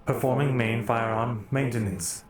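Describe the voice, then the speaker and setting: A man voicing a calm, overly smooth android soldier, speaking in formal, even, unemotional machine phrasing. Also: mid-range voice, moderate pace, lightly acted. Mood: smooth, flat. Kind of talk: voicing a character in a tabletop roleplay. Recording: echoey room with faint music.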